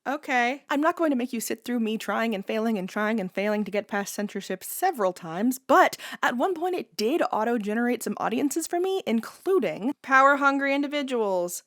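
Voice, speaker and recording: A young woman video creator giving sardonic, lively comedic commentary while testing an app, often laughing. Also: on the high side, moderate pace, hardly any pauses.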